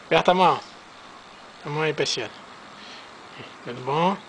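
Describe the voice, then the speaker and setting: A man's voice: on the high side, normal speed, a little hiss or hum. A man with a Brazilian accent filming a baby at home and talking to it in a playful, coaxing sing-song. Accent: Brazilian Portuguese.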